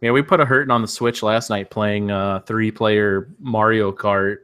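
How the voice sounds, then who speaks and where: Brief: man, relaxed gaming podcast co-host, lowish voice, blunt opinions. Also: moderate pace, smooth. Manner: laid-back, opinionated, chuckling. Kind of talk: casual gaming chat.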